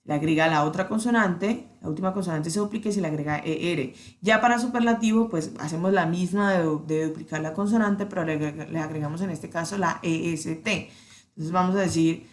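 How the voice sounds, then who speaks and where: A woman teaching an English grammar lesson, patiently checking in with her students and slowing down to spell out the examples. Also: on the low side. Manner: patient, checks in with "¿cierto?" often.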